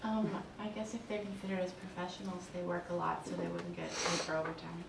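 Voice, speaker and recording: A woman student gives a hesitant answer in class, her voice low and gravelly. She is far from the mic in an echoey room with clear hiss. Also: fairly even intonation, a little fast.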